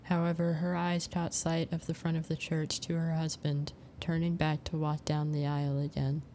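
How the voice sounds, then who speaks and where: Low, mellow woman narrating a story. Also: level tone, moderate pace, slight background noise.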